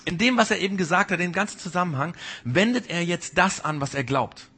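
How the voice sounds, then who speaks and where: A man preaching a sermon, speaking directly and informally to the congregation and sometimes acting out a gentle inner voice that warns. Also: sits high, a little fast, husky. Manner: mimics the Holy Spirit's gentle warning. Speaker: pastor.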